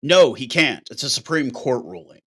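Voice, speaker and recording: Blunt ranting man, bright voice. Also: mid-range voice, expressive, moderate pace, slightly rough. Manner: blunt, ranting, occasional swearing. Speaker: show host. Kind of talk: casual monologue.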